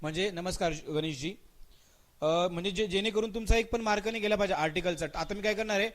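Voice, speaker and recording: High-voiced man teaching grammar, Marathi accent. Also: quick pace, a bit bright. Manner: calls students by name, repeats questions and drills answers; mixes English words into his speech, stretches out spoken example sentences. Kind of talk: live online exam-prep class.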